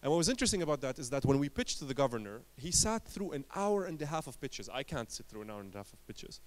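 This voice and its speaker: On stage at a conference, a Lebanese man shares his journey as an entrepreneur. His medium-pitched delivery has a sing-song lilt, built from brief emphatic phrases and pointed pauses.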